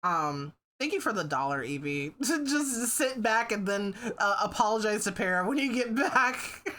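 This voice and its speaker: A woman's voice: fairly low pitch, a bit bright. A woman livestreamer chatting casually with her viewers, swearing freely and laughing often. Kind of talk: casual stream chat.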